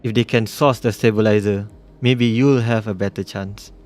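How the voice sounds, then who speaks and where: A man's voice: on the low side, fairly even intonation, normal speed, darkish tone. A man streaming a game, reading the story text aloud and muttering casual comments to himself.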